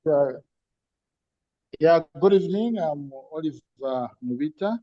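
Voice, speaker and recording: A man introduces himself in an online class, speaking formally and measuredly, with many pauses filled by uh. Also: a little high, lively intonation, dry recording. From Zambia. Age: 50s. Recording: muffled, dull call audio.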